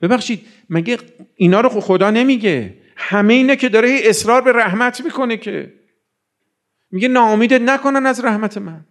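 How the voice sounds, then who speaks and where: A man preaching a sermon in a conversational way, acting out little dialogues as he goes. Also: very high-pitched.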